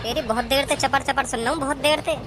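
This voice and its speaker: A woman's voice: high voice, steady tone, quick pace, close to an everyday voice. Woman voicing a hot-tempered train bully. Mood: menacing. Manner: crude shouting threats. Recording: cartoon soundtrack with music bed. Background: background music.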